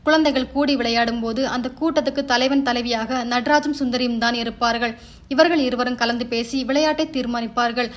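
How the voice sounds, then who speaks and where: A woman reading a short story aloud as its storyteller, in a steady, even way. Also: a little high, brisk.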